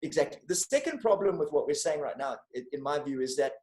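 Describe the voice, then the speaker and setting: A man's voice: fairly high pitch, animated, fast, a little mellow. A South African man, a guest comedian, talking through his arguments on a video-call podcast with frequent restarts. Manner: analytical, building arguments with restarts. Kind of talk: podcast conversation. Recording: roomy video-call audio.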